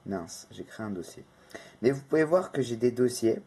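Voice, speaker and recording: A husky, dark-toned man with a medium-pitched, expressive voice hosts a casual phone tutorial at a moderate pace. The screen-recorded session is full of rambling, self-corrections, and fillers from this tech tutorial host.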